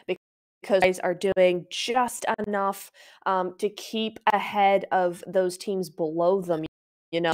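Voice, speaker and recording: A woman's voice: mid-range voice, darkish tone. A woman casting a live esports match, chatty and exclaiming as she reads out stats with her co-caster.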